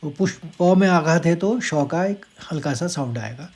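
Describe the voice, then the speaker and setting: A man teaching how to pronounce a Sanskrit verse. He chants each line slowly and drawn out, then explains the sounds more quickly, speaking. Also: on the high side, lively intonation, a little mellow.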